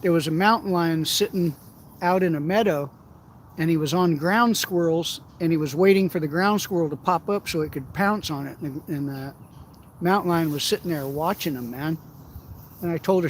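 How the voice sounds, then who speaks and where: A man's voice: a little high, normal speed, slight background noise. A middle-aged man telling rambling, profane stories in a casual way while fishing outdoors. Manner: profane, rambling anecdotes with frequent laughs. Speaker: outdoors vlogger. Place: outdoors by the water.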